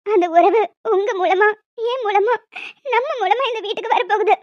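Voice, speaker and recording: A woman voicing an emotional young wife in a cartoon story, high and childlike, breaking into sobs. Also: moderate pace, dry recording. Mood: tearful joy. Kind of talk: cartoon voice acting. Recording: dull lo-fi audio with faint music.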